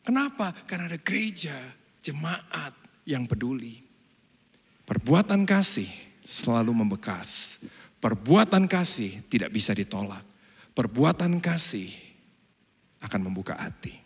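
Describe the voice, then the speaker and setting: A man preaching a lively sermon, swinging between soft asides and loud exclamations. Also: mid-range voice, unhurried, long pauses, slightly rough. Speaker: pastor. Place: church hall. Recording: long church hall reverb.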